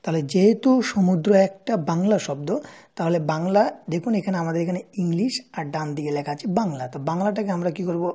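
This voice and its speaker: Dark, husky woman explaining step by step. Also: fairly low pitch, fast. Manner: step-by-step, checks in with rhetorical questions. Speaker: tutorial host. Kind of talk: screen-recorded app tutorial.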